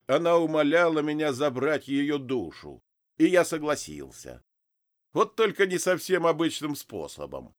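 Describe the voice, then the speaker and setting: A man's voice: fairly high pitch, very animated, a little slow, voice pushed up. A man voicing a gloating, soul-buying demon boss. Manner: gloating, sneering, laughs cruelly. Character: sly mocking male demon boss who buys souls.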